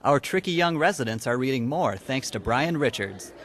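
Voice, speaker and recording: A man's voice: medium pitch, animated, normal speed, a bit bright, a little hiss or hum. A man reading a scripted local news feature as a reporter's voice-over. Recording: voice-over with prominent music behind.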